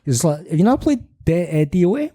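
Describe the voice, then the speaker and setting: A man's voice: sits high, very animated, fairly quick, mellow. A man with a Glasgow street accent chatting casually and swearing freely as a podcast co-host. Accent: Scottish, Glasgow.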